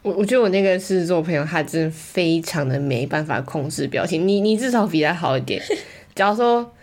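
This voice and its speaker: A woman's voice: fairly low pitch, animated, brisk, darkish tone. A young woman, chatting casually in an indignant, complaining way. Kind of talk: casual chat.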